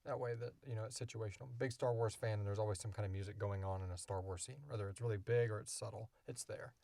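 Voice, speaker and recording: This podcast co-host and co-creator speaks fast in a fairly low, warm, creaky voice with a steady tone, recorded without echo. He's in a casual unscripted Q&A, chatting informally and rambling as he explains.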